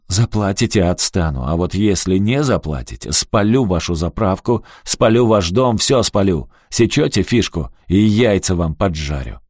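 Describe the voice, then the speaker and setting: A man reading an audiobook and voicing a jeering, menacing young male thug who taunts and shouts threats. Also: lowish voice, expressive, a little slow, no room sound, clean studio sound. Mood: jeering, threatening.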